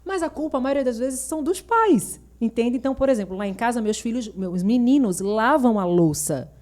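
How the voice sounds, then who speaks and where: A middle-aged woman, a mother appearing as a guest on a school podcast, chatting frankly and telling lively family stories. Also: fairly high pitch, a little fast. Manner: lively storyteller who acts out family dialogue; frank and opinionated. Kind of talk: casual podcast chat.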